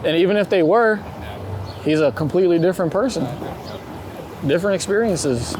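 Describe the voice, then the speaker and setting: A street photographer with a high, expressive voice is interviewed outdoors while walking, talking casually and informally at a fairly quick clip with some swearing. Loud city traffic and urban street noise fill the recording.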